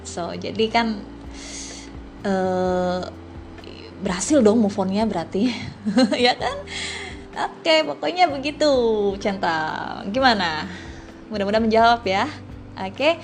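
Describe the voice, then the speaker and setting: A woman's voice: mid-range voice, slow pace, long pauses, soft background music. A woman hosting a casual podcast Q&A, chatty and giggly. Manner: chatty and giggly, slangy, many restarts. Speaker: podcast host answering listener questions.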